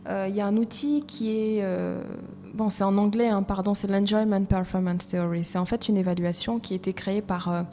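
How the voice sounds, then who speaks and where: A woman's voice: medium pitch, fairly even intonation, brisk, dark tone. A woman speaking as a podcast guest, reflective, often repeating phrases as she searches for words. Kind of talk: conversational interview. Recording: reverberant room with faint noise.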